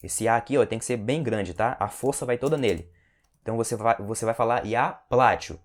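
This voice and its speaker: A man with a Brazilian Portuguese accent teaching a Russian lesson, who repeats words slowly and keeps checking in with a quick "tá?". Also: mid-range voice. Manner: ends phrases with a checking "tá?". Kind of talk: language lesson.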